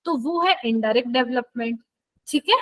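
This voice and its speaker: A woman with a high, light voice teaches a live online biology class. She speaks casually and keeps checking whether her students are following. Her voice is picked up dry and close, with no room sound. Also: normal speed, a bit bright, dry recording, rough recording. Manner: chatty, checks in with students often.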